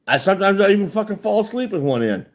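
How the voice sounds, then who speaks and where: A man's voice: high voice, very animated, fast. A man. He talks around a lip full of dip in a blunt, folksy way, with plenty of swearing. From United States. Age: 40s. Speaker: livestreamer chatting with viewers. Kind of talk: casual chat.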